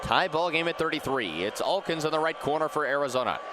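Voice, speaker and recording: Calling the action live, this young play-by-play announcer talks quickly and expressively in a fairly high voice. Behind him comes the din of a sports venue, arena and ballpark noise, and basketballs thumping.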